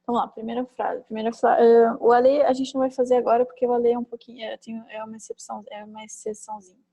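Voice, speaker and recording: A woman teaching a French class online, chatty and thinking aloud, with many fillers and quick tag questions, on a computer mic. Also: a little high, flat delivery, creaky, warm tone, dry recording, low-quality recording. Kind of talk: online class, explaining grammar.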